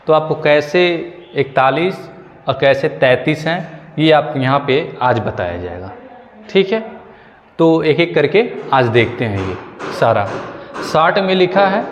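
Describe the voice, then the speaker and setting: A male teacher giving a slow, repetitive grammar lesson for exam prep, checking in with his students often. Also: on the high side, big-room sound, a little hiss or hum. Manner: explains slowly, repeats key points and asks "ठीक है".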